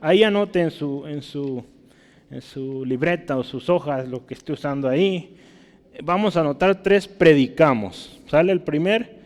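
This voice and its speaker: Preacher in a long-echoing hall. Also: male voice, a little slow, a little mellow. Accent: Mexican Spanish. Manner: reads scripture aloud, often asks "¿verdad?"; rises sharply in pitch and volume when reading verses. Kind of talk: sermon. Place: church hall.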